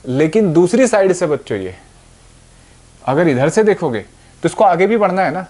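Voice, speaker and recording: A man's voice: high-pitched, very animated, normal speed, a little mellow. A young man teaching physics. He explains step by step and keeps checking that his students are following. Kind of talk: whiteboard physics lesson.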